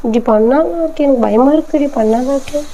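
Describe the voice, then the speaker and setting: Woman w a high voice, scared and pleading, scolding her partner, prank vlog at home. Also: fairly quick, warm tone. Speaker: vlogger, partner being pranked. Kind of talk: casual couple prank vlog. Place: home kitchen at night.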